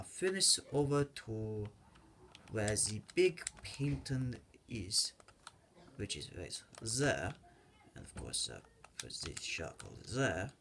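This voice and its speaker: A man's voice: lowish voice, gravelly, fairly bright tone, a little hiss or hum. A man giving casual, rambling commentary over his own gameplay, joking and correcting himself as he goes. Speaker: gaming video creator. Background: keyboard and mouse clicks.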